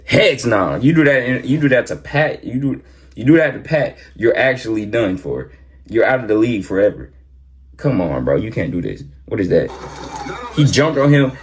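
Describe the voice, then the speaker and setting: Husky man in excitable reaction commentary. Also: mid-range voice, normal speed. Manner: excitable, repeats exclamations, talks back at the players. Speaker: host reacting to football highlights. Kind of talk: casual sports reaction commentary.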